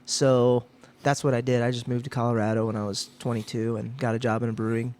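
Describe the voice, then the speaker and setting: A man's voice: mid-range voice, flat delivery, quick pace, a little mellow. A man in his thirties from Ohio, a guest telling stories in a casual chat, easygoing with lots of restarts. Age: 30s. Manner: easygoing storytelling with frequent restarts. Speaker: guest, brewery owner.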